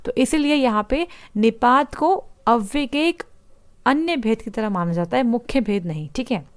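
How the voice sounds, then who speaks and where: A woman's voice: a little high, lively intonation, moderate pace, no room sound. A woman teaching a Hindi grammar lesson for exam prep, explaining step by step and asking rhetorical questions. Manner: explanatory, repeats points and asks rhetorical questions.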